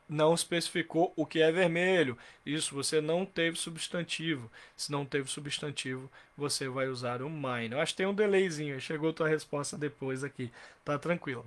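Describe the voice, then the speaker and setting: Male teacher, a bit higher voice, patient explaining, rhetorical questions, slow repeated examples. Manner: repeats example sentences slowly. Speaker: English teacher. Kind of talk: live online grammar class.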